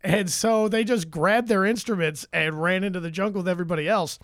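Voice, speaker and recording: High-pitched guy rambling through a story, laughs a lot, dry close sound. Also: a little fast, a bit bright, no room sound. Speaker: podcast co-host. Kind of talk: casual chat.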